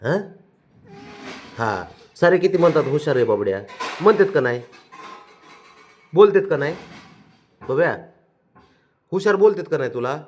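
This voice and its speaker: A man's voice: a little high, expressive, moderate pace, pauses often, a little mellow. A man talking to his pet cat, coaxing and teasing it in a casual, scolding baby-talk way.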